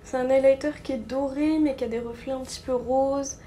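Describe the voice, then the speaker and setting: A woman's voice: sits high, fairly even intonation, brisk, dark tone, slight background noise. Chatty young woman, makeup vlog. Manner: chatty, frequent fillers and self-corrections. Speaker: beauty vlogger. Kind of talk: casual makeup tutorial narration.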